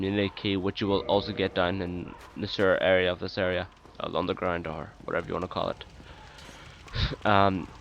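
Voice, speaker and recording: A man giving casual gameplay commentary as a let's play host, relaxed and chatty, with many ums and uhs. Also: low voice, slight background noise. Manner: hesitant, full of ums and uhs.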